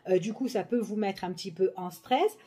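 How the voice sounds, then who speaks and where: A woman's voice: medium pitch, moderate pace, dark tone, husky. A woman giving a casual general tarot reading, chatty and full of fillers, often checking in with the listener. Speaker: tarot card reader.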